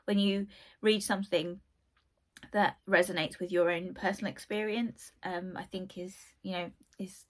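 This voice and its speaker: In a lowish voice with fairly even intonation and normal speed, a young woman with a cold gives a casual book review chat on her channel. She rambles through her favourite reads with many asides, sounding croaky.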